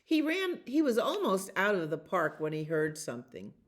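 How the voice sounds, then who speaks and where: A woman with a mid-range voice reads a children's storybook aloud at library storytime. She is expressive and deliberate, drawing out each repeated word.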